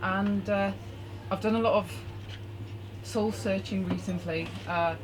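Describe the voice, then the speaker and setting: A woman reads her own poetry aloud in a bar, unhurried and deliberate, in a mid-range voice. The live recording carries a lot of background noise from the venue. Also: mid-range voice, fairly even intonation. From Norway. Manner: reads her poem from a phone, measured and deliberate. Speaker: performing poet. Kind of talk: spoken-word poetry reading. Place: bar hosting a poetry night.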